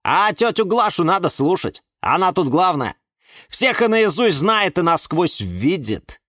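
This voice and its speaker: A man's voice: high-pitched, big pitch swings, a little slow, fairly bright tone, no room sound, studio quality, voice pushed up, heavily acted. A man voicing a cheerful plant who reassures a newcomer in a storybook. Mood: reassuring. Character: cheerful plant praising the greenhouse.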